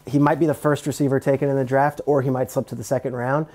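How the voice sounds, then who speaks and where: A man with a New Jersey accent, a sports reporter talking football as a podcast guest in a chatty, quick insider way full of fillers. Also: mid-range voice, little pitch movement, darkish tone. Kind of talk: casual podcast chat.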